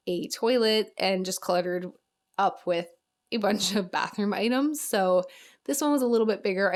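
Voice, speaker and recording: A young woman chatting through a voice-over of her video game build, upbeat with small laughs, her voice a little worn. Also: fairly low pitch. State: slightly losing her voice. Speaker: game building channel host.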